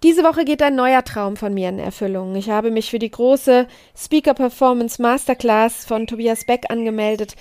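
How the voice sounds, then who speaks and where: A middle-aged woman hosting a podcast, giving a slow, emphatic motivational talk and repeating key phrases for weight. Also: a little high, a little mellow, smooth, dry recording. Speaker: podcast host and coach.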